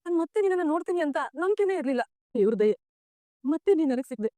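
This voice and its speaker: An actress playing a sorrowful, tender middle-aged mother in a TV serial, speaking softly and pleadingly. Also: high voice, lively intonation, fast talker, dry recording. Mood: tearful. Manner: soft, pleading, tearful at times. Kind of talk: TV serial acting.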